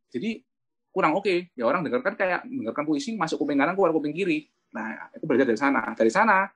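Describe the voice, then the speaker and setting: A man's voice: fairly high pitch, fairly bright tone, husky. A man, an insurance agent giving a chatty motivational talk about his own experience and often addressing his listeners as friends.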